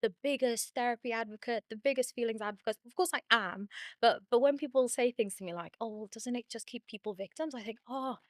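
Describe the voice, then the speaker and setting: A woman therapist hosting her own channel, talking casually and quickly, laughing often and saying "like" a lot. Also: fairly high pitch, dry recording, clean studio sound. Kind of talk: casual talk to camera.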